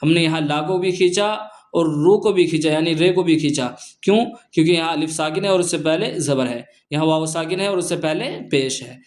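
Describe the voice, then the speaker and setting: Brisk, fairly high-voiced male Quran teacher. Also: a little mellow. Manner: slow chanted recitation of syllables, brisk explanations between. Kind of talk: Quran reading lesson.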